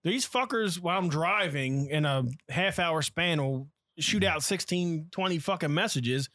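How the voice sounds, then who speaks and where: A man ranting in an animated, profane way during casual podcast chat. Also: a little high, a little slow, dry recording, studio quality. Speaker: podcast co-host.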